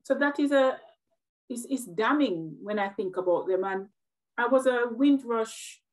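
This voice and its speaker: The audio is poor, but the voice is a little high, lively in intonation and unhurried. It belongs to a middle-aged Jamaican woman, a nurse with a Jamaican accent, who answers as an interview guest in an earnest, reflective way, frequently repeating words as she thinks.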